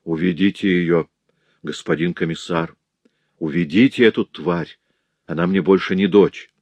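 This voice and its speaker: A man's voice: mid-range voice, expressive, measured pace, no room sound, pitched above the performer's own voice. A man voicing a grief-stricken, furious artisan father in an audiobook reading. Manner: anguished shouting, bitter outbursts. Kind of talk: audiobook character voice.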